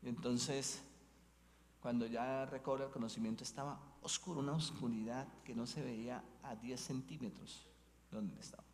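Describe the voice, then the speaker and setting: A man delivers a sermon as a bishop, his voice sitting at an ordinary middle pitch. He preaches in a storytelling way and often checks in with the congregation through tag questions. His words hang in a long church reverb. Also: steady tone, normal speed, a little hiss or hum. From Colombia. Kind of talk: Advent mission sermon.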